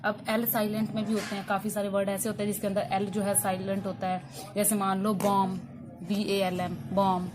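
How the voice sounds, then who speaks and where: A woman's voice: mid-range voice, monotone, normal speed, background noise. A woman English teacher giving a spoken English lesson in Hindi, explaining silent letters and quizzing her students with repeated questions.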